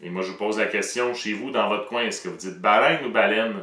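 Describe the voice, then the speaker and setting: A man's voice: lowish voice, a little fast, pushed and bright, echoey room, recorded from a distance. A man with a Québécois French accent, explaining pronunciation in a playful, joking way as the presenter of an educational show.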